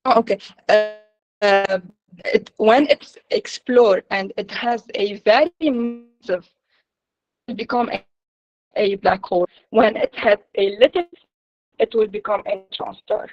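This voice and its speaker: A woman student presenter answering questions in a webinar over a video call, halting and full of "uh"s. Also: mid-range voice, darkish tone, muffled recording. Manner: halting, with many "uh"s.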